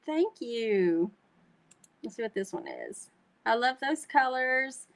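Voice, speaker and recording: A North Texas woman with a Texan Southern twang hosts a chatty live craft tutorial, demonstrating card making and calling her viewers y'all. Her voice is on the high side, animated, and creaky, and she speaks at a slow pace.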